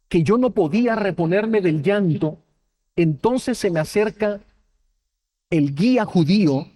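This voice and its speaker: A man's voice: high-pitched, darkish tone. A man, a Bible teacher, preaching a sermon and telling a personal testimony with emotion, acting out the dialogue. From Mexico. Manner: emotional storytelling, acts out dialogue.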